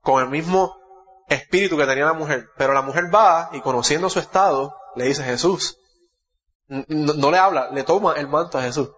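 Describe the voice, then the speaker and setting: Puerto Rican preacher in an echoey hall. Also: male voice, on the high side, a little fast, a bit bright, dull audio. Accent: Puerto Rican Spanish. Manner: expository, reads Bible verses aloud, corrects himself. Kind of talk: sermon.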